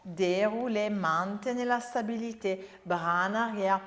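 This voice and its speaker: A woman instructor leading a Pilates workout, upbeat, giving brisk exercise and breathing cues. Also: medium pitch. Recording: echoey room with long reverb.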